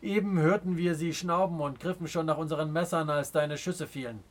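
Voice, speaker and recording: A man reading aloud as a proud, stern chief in a storybook, speaking with slow, weighty scorn. The voice sits a touch high for a man. It sounds commanding rather than shouted. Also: fairly even intonation, natural voice. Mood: angry. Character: proud stern adult male Native chief. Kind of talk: audiobook character reading.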